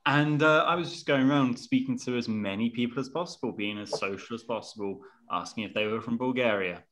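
A young man co-hosting a podcast, telling a story in an animated, self-mocking way over a video call from home. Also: mid-range voice, a little fast. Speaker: podcast co-host. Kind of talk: casual storytelling. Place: room at home.

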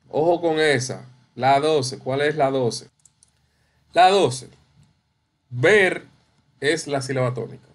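A man teaching a spelling class, drawing out syllables slowly and repeating words to stress them. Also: a little high. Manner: slow, drawn-out syllables, repeats words for emphasis. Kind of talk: online class correcting exercises.

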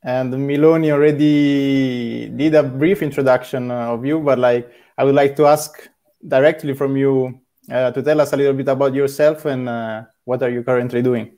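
A man in his thirties moderates a panel over a video call, speaking in a friendly way and often filling pauses with "uh". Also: medium pitch, steady tone, dark tone. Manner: friendly, many filler uhs. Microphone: video call webcam.

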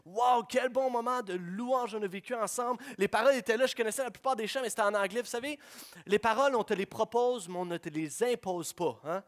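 A man preaching a sermon, swinging from hushed prayerful lines to loud, excited storytelling. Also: high voice, a little fast. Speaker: pastor.

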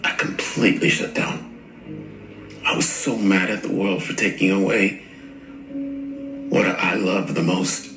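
An older actor playing a gentle male therapist who speaks in a measured, softly probing way in a scripted drama clip. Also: reverberant, over music, rough recording. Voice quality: deep, slow and calm.

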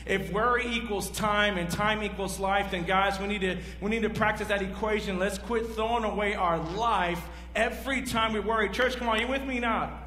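Here a pastor in his forties speaks with a high-sitting voice at normal speed, hardly pausing, as he asks his congregation questions during a sermon. He paces the large church stage with animated gestures. Echoey hall, faint hum audible.

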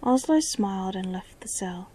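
Lady reading her fantasy story, half whispered, breathy, mellow. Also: mid-range voice, animated, normal speed, low-quality recording. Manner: soft, often whispered. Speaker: narrator.

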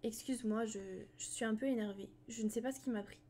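A woman reading aloud and voicing a spirited, sharp-tongued teenage girl close to her own voice. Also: fairly high pitch, steady tone, fast, lightly acted. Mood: sheepish.

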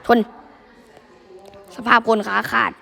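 A hoarse male gaming host giving excitable, rambling gameplay commentary and repeating words in quick bursts. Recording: reverberant room with game music. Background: game music.

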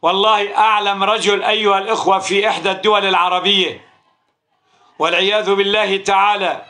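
Syrian preacher guy, high bright voice, fired up, keeps saying "brothers" to the crowd in the mosque. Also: a little fast. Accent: Syrian Arabic. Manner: fervent, animated, addresses listeners as brothers. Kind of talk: Ramadan sermon storytelling.

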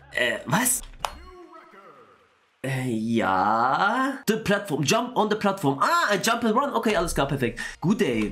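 A young man giving excitable let's-play commentary, quick to exclaim and swear as he plays. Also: fairly high pitch. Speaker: gaming YouTuber.

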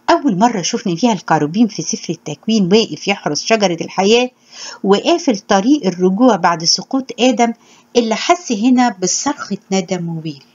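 A woman with an Egyptian Arabic accent preaches in an earnest, measured way, her voice a little husky and even in pitch. The recording is dull and lo-fi, its top end muffled. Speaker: religious teacher. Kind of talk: spoken sermon with scripture reading.

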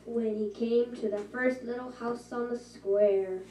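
A woman reading a rhyming story aloud at a school shadow puppet show, slow and rhythmic. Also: fairly high pitch, steady tone, warm tone. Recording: echoey room from far off.

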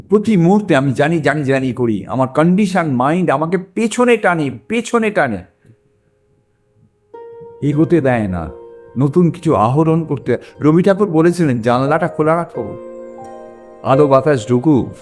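60 yr old guy coaching, earnest, repeats stuff, voice kinda high and swoopy. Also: big pitch swings, a little slow, long pauses, a little mellow, faint music behind. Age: 60s. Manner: earnest, repeats phrases for emphasis. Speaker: mind coach and actor. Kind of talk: reflective self-help talk.

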